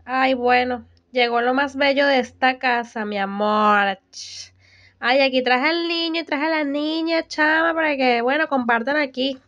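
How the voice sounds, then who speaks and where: Dramatic, chatty Venezuelan young mother, woman actor, high, slow, lo-fi and dry. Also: fairly bright tone, no echo. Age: young adult. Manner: drawn-out, theatrical, sighing "ay" complaints. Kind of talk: comedic student film acting. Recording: dull, dry, lo-fi.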